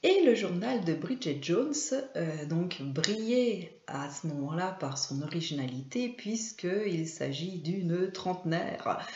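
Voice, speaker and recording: A woman hosting a casual video about films, talking hesitantly with frequent fillers and pauses. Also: on the low side, expressive, a little mellow. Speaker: video host and trainer. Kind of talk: casual film commentary to camera. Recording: echoey room, slightly dull sound.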